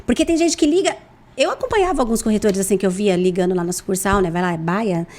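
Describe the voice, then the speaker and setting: A Brazilian woman speaking in an interview with a mid-pitched voice that swings up and down expressively. She talks animatedly, like someone telling stories over coffee. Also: fast. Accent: Brazilian Portuguese. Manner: animated, lively intonation, acts out phone calls in voices. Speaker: guest, insurance broker. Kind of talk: conversational podcast interview.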